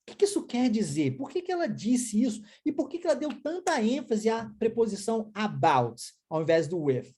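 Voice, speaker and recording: A woman's voice: on the high side, very animated, normal speed, few pauses, warm tone, slightly rough. A woman with a Brazilian Portuguese accent teaching an online English lesson, explaining step by step and often checking in with short questions.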